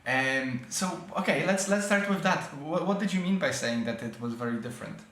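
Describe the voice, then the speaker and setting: A man's voice: fairly high pitch, lively intonation, fairly bright tone, echoey room. A man hosting a podcast, talking casually and in a friendly way, with frequent fillers and restarts. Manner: friendly, chatty, halting with fillers. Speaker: podcast host.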